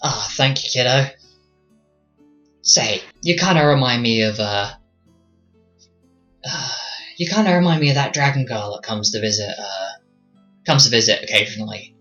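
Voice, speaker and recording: Guy doing a grumpy hyena man for a tabletop rpg, snarly n curt, sharp bright voice, mid pitch. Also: lively intonation, normal speed, pauses often, muffled recording, soft background music. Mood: gruff, irritated. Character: surly, threatening hyena man, dagger-carrying guild member.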